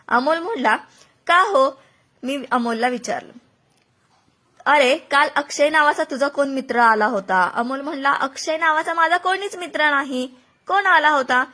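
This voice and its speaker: A woman narrates a dramatic story in the first person, recounting each exchange in turn. Her voice sits high and comes across bright and forceful. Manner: recounts events, voicing others' words within her telling.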